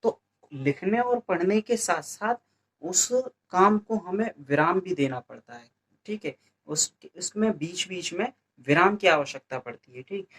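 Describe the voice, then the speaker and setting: At a measured pace, a man from India gives an exam-coaching Hindi grammar lesson in a high, expressive, somewhat bright and slightly rough voice. He keeps asking questions, repeating them, and answering them himself, sprinkling in "ठीक है" (okay) again and again.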